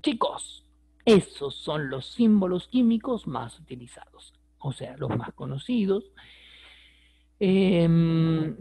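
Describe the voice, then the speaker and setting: A man's voice: fairly high pitch, lively intonation, slow pace, creaky, mellow. A man teaching an online chemistry lesson, patient and repetitive, checking in with his students as he writes. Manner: patient, repeats words, asks rhetorical checks.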